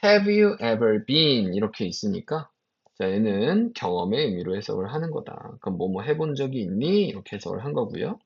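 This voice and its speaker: A man teaching an English exam passage as a lecture, reading English phrases slowly with stress and asking his students quick rhetorical questions. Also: lowish voice, big pitch swings, gravelly. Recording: dull lo-fi recording.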